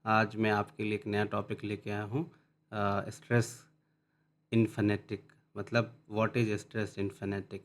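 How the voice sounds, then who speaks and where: A man teaching English phonetics in Hindi, reading definitions out slowly and then explaining them, often restarting and repeating words. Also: lowish voice.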